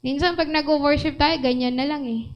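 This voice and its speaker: A high-pitched woman with a Filipino accent preaches in a church. She moves between Tagalog and English, animated, and keeps asking her listeners questions. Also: normal speed, highs cut off. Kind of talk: sermon.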